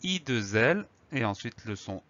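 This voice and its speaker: Calm man spelling out words slowly. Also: medium pitch, highs cut off. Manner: slow, careful spelling out of letters. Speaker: spelling teacher. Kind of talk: scripted lesson narration.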